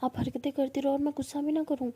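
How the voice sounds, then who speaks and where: A woman's voice: sits high, flat delivery, fast, mellow, natural voice. A woman doing a sulky, stubborn young girlfriend. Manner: curt, sulky replies.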